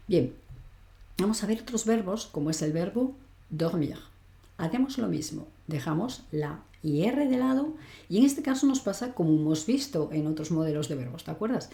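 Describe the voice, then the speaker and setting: A woman leads an online grammar lesson, walking through each rule step by step and checking in with the learner as she goes. Her voice sits a little low and sounds mellow. The recording has a noticeable echo from the room. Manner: explains step by step, often checks with "¿vale?". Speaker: language teacher.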